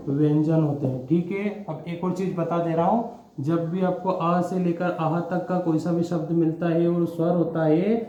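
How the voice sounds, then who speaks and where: A man's voice: fairly high pitch, dark tone, a little hiss or hum. A man teaching grammar to students, patiently quizzing them and checking in with "okay?" after each step. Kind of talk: explaining English grammar to students. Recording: echoey room, dull lo-fi sound.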